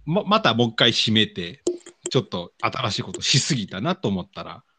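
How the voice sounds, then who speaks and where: A man with a Kansai accent co-hosting a radio show in relaxed, colloquial conversation. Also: on the low side, normal speed, breathy edge, no room sound. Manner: informal, colloquial. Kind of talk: casual chat.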